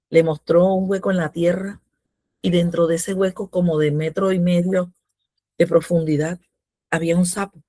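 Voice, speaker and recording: A woman's voice: on the low side, darkish tone, no room sound. A woman giving a religious testimony in a devotional, telling her story with fervor and acting out the prayers she quotes. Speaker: devotional speaker.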